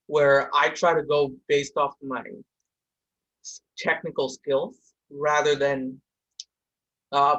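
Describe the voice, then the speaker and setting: Hosting a podcast from home, a young adult man from India gets heated in a casual discussion, talking quickly with frequent restarts. The sound is lo-fi, and his voice is fairly high-pitched and slightly bright.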